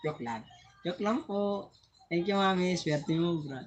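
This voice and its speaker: A man's voice: high voice, takes it slowly, slight background noise. A man hosting a casual live stream on his phone, chatting and laughing often as he thanks viewers, sometimes tripping over his words.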